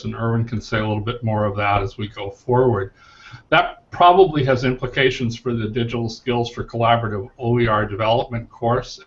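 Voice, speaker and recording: A man giving a working group report in an online meeting, speaking in a steady, explanatory, organised way over muffled call audio. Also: medium pitch.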